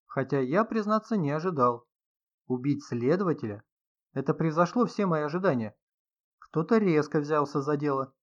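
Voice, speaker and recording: A man voicing a calm, grim, ironic male host of a mansion, speaking dryly, on a slightly dull recording. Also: on the high side, normal speed, natural voice.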